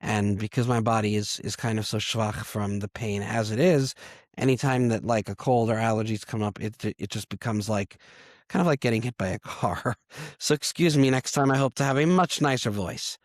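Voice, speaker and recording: A man, hoarse and congested from a cold, talking candidly and self-deprecatingly as a podcast host. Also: on the low side, normal speed, dry recording, clean studio sound. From Long Island, New York. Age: 30s. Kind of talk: personal confessional monologue.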